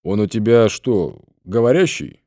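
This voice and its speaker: A man voicing a gruff, dryly joking middle-aged man in an audiobook. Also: lowish voice, expressive, a little slow, mellow, dry recording, clean studio sound. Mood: wry.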